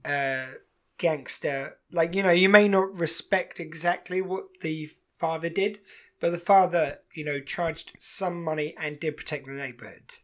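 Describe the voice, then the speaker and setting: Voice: medium pitch, a little slow, fairly bright tone. Podcast co-host, casual chat, enthusiastic, chatty, restarts often. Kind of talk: casual chat reviewing a TV show.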